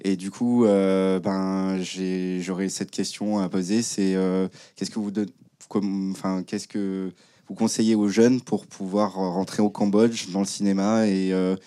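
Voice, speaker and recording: A man in the audience asking a question in a hesitant, halting way. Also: deep voice, level tone, warm tone, smooth.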